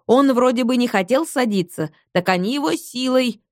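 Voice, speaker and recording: A woman voices a stubborn old grandmother who answers evasively and wails songs off-key, pitching a little above her own voice while staying close to an everyday sound. She is expressive, at a moderate pace. The recording is dry, with clean studio sound.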